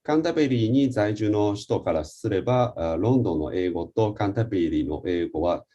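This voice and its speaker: A man's voice: on the low side, expressive, moderate pace, dark tone, dull audio. A man on a webinar panel answering questions about student life, with many hesitant fillers.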